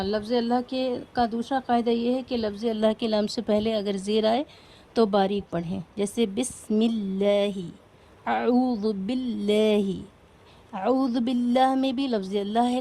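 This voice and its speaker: Mellow-voiced woman teaching recitation rules. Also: mid-range voice, fairly even intonation. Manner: patient, step-by-step, questions students. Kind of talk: explaining lesson to a class.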